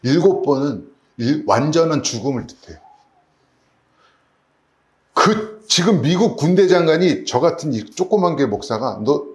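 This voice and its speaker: A man's voice: a little high, lively intonation, unhurried, long pauses, reverberant. A man preaching a sermon as pastor, asking his congregation rhetorical questions. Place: church sanctuary.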